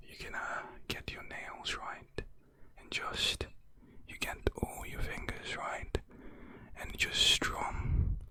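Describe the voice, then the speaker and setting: An ASMR creator whispering a tutorial on hand and nail sounds close to the mic, with joking, slangy asides. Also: slow.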